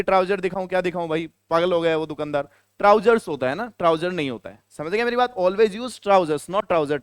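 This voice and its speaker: High, clear-voiced male teacher. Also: dry recording, studio quality. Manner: questions the students and answers himself, repeating key words. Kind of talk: classroom lecture.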